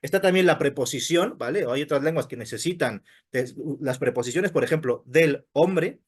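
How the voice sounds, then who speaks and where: A fairly high-pitched man with a Spain Spanish accent lectures on philosophy in a seminar debate. He works his points out aloud, often restarting phrases and checking in with short tag questions. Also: normal speed, breathy edge. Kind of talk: academic explanation in a seminar debate.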